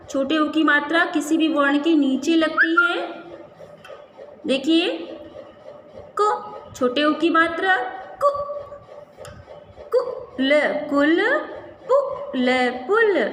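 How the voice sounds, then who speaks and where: A woman teaching a primary school Hindi class, sounding out words slowly syllable by syllable and asking and answering her own questions. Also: high voice, fairly bright tone. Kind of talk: classroom lesson, slow syllable-by-syllable drilling. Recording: echoey room with faint ambient noise.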